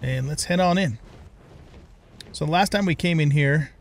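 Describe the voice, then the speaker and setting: A man's voice: fairly high pitch, normal speed, gravelly, slight background noise. An older man hosting a let's play, chatting casually and thinking aloud with lots of fillers as he plays. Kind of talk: casual gameplay commentary.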